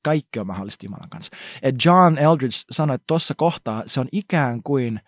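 A man giving a casual, conversational devotional talk, slangy and animated, acting out little asides as he retells stories. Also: mid-range voice, dry recording, clean studio sound. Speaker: preacher.

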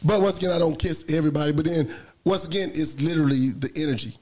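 A man's voice: fairly high pitch, fast. A man, chatting casually in a group talk and telling a story animatedly while acting out what people said. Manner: animated storyteller, acts out quotes. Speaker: podcast co-host.

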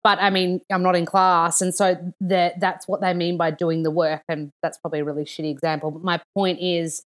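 Lively young woman, chatty. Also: lowish voice, brisk. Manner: animated, enthusiastic storytelling. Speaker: actor and podcast guest. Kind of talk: casual chat.

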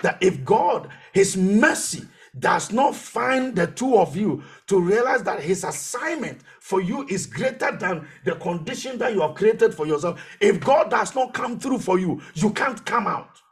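A man's voice: high voice, animated, a little slow. A man pastor preaching a sermon, telling his own testimony and repeating phrases for emphasis.

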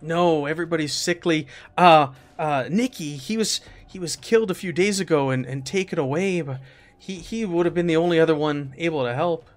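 A man's voice: on the high side, soft background music, lightly acted. Man doing a dazed Italian woman prisoner. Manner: halting, stammering, soft-spoken.

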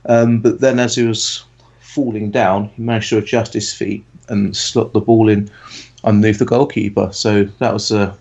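Low, flat-voiced man in his thirties. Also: moderate pace, gravelly, slightly rough. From England. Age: 30s. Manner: relaxed, rambling with many fillers. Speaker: podcast co-host. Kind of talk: casual chat. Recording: dull lo-fi audio.

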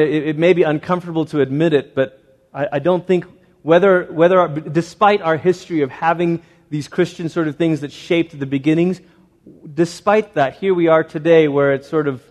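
Higher-voiced male preacher in a reverberant hall. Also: darkish tone. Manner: exhorting preacher with rhetorical questions and short repeated phrases. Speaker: pastor preaching to a congregation. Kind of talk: evangelical sermon.

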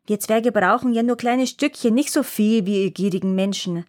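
A woman voicing a grumpy little old male dwarf in a storybook reading, snapping insults and shouting. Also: mid-range voice, normal speed, close to an everyday voice. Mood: furious, shouting.

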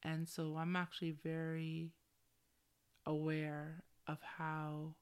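Speaking slowly in a low, totally flat voice, this middle-aged podcast host sounds clear and resonant. She's on her own show, chatting openly and casually with plenty of slang and a valley-girl tendency to drop "like" constantly.

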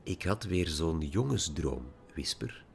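A spirited, wry teenage girl from an audiobook, voiced by a man reading aloud. She talks in a quick, teasing way. Her lines lift noticeably higher than the reader's deep, slow narration. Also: animated, vocal fry, darkish tone, a little hiss or hum, full character voice. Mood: wistful. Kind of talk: audiobook character voice.

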